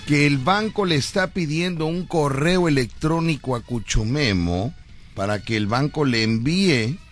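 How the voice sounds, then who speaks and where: A man's voice: fairly high pitch, measured pace, soft background music. A man hosting a live radio comedy show, laughing and playful. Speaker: radio host.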